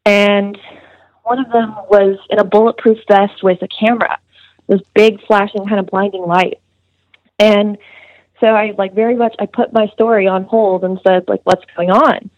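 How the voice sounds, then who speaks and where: With a steady, darkish mid-range voice at normal speed, a young woman student from the United States earnestly relates a detailed story in an interview, sprinkling in casual fillers. There's no room sound, and the dry recording is dull and muffled.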